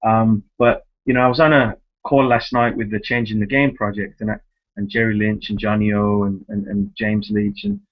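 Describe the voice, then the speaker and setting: Over a muffled, low-fidelity conference call, a man who directs a youth soccer club hosts a conversational interview. He has a lowish, creaky voice with lively intonation at normal speed, and he's emphatic, repeating words and often seeking agreement through tag questions.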